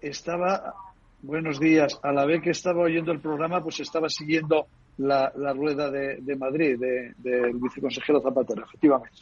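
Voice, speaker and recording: A man's voice: on the high side, level tone, moderate pace, a little mellow, breathy edge. A man joining as an expert guest over a video call that keeps dropping out, repeating greetings and broken words over the lag. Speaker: health policy expert guest. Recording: muffled, dull video call audio.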